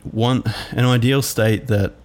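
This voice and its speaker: A man hosting a reflective solo podcast, musing aloud in a halting way with many fillers. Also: medium pitch, steady tone, a little mellow. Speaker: podcast host.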